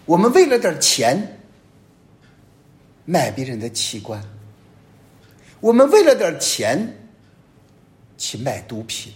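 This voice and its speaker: Male priest, fairly high voice, very animated delivery, emphatic homily with loud peaks and hushed drops. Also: slow pace, long pauses. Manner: emphatic preaching, sweeping rises and drops in pitch and loudness.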